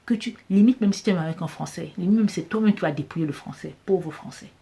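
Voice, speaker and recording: A woman's voice: on the low side, fast talker, gravelly, mellow. A woman business coach talking straight to her viewers, emphatic and repeating her points, addressing them familiarly. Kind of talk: direct-to-camera advice talk.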